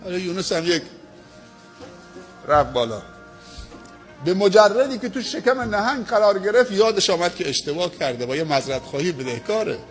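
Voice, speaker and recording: A high-voiced man with an Afghan Dari accent preaches, telling a story in a sermon. His delivery swings between loud, stirring exclamations and hushed, low phrases. Music plays clearly underneath his voice. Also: big pitch swings, pauses often.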